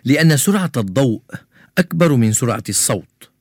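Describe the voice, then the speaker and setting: A calm know-it-all science kid on a kids' radio show, middle voice, dry. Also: male voice, mid-range voice, a little fast, no room sound. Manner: calm, explanatory. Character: calm, knowledgeable young male science buff. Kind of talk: children's radio drama.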